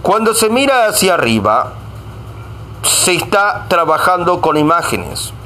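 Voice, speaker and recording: Man, slightly high voice, reads self-help text aloud, stumbles and apologizes, faint noise. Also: very animated, measured pace, pushed and bright. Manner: stumbles over words and says sorry.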